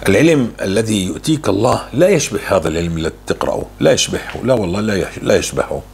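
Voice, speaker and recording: A man's voice: lowish voice, expressive, rapid-fire, gravelly, slight background noise. A man answering religious questions, fervent and repeating words for emphasis. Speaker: religious speaker.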